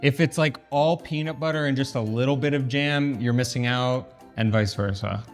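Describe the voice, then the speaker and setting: Chatting informally to his camera, this American channel host speaks at a moderate pace in a mid-range voice. The empty kitchen around him echoes, and faint music plays.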